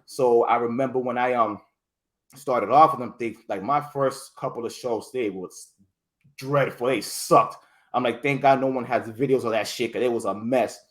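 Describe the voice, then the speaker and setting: A rambling, animated man telling stories. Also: mid-range voice, normal speed. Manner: rambling, restarts words often, many fillers; animated storytelling, voices others in quotes. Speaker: podcast guest. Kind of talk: casual interview chat.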